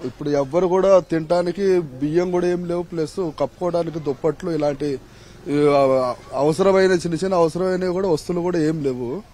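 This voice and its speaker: A flood-hit man answers a reporter outdoors in a quick, insistent street interview. His voice is a touch high yet dark and soft in tone. He keeps urging the listener to look around. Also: slight background noise. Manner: pleading, insistent.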